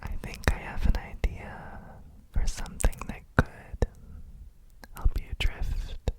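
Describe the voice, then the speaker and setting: A female ASMR host guides listeners toward sleep and relaxation entirely in a whisper, breathy and soothing. She is gentle and unhurried, speaking extremely slowly with frequent pauses.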